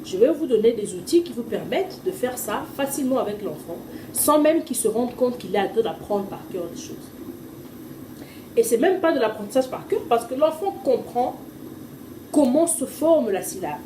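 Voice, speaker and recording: A woman, a parent teaching her child to read at home, explaining in an informal tutorial and slowly sounding out letters and syllables. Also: fairly high pitch, expressive, noisy background. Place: at home with a small child nearby. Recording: echoey room, mic far off, faint ambience.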